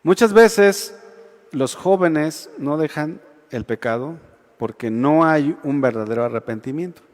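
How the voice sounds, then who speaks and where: A Mexican man preaching to a youth congregation with a high, light voice. He talks conversationally and keeps checking that his listeners agree. His voice rings out with the long reverb of a big church hall. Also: expressive, unhurried, darkish tone. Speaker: youth pastor. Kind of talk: sermon.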